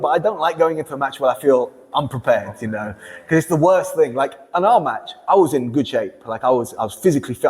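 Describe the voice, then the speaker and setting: A man in casual podcast chat, telling stories with lively energy, laughing often and restarting sentences. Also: on the high side, long reverb tail. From England. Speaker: grappling competitor, guest.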